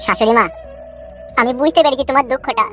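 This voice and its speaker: A woman's voice: high-pitched, quick pace, faint music behind, voice pushed down, close to an everyday voice. A woman voicing a hot-headed young man who swears and vows revenge, in a comedy cartoon. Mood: vengeful. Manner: fierce, swearing threats.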